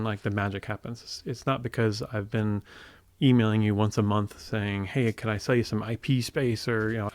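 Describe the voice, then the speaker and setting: This mid-range male voice comes through with no room sound at all. He's a forties-something tech co-founder from Indiana, USA, chatting reflectively as an interview guest in a relaxed way and frequently starting his sentences over.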